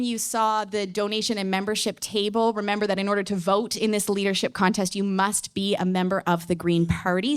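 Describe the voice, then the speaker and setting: A woman with a Newfoundland accent moderating a public event from a podium, speaking informally with self-deprecating, joking asides. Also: medium pitch. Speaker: debate moderator. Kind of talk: event welcome and introductions at a podium.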